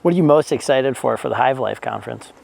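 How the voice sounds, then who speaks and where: Gravelly-voiced man asking short questions. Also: mid-range voice, fast talker, a little mellow, low-quality recording. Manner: brief, plain questions. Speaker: interviewer.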